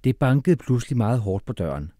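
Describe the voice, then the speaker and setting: Male audiobook narrator, animated, lively pitch, dry close sound. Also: no echo. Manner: animated storytelling.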